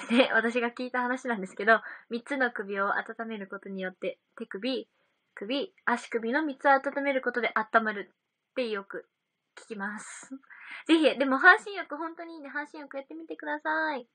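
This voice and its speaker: A woman's voice: sits high, bright, forceful tone, no echo. A young woman chatting casually on a livestream, reading out viewer comments and giggling often. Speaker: idol livestream host.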